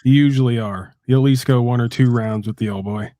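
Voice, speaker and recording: A man's voice: mid-range voice, a little fast, dark tone, dry recording, studio quality. A man musing philosophically in casual discussion, often checking in with his listeners. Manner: reflective, often checks with "right?".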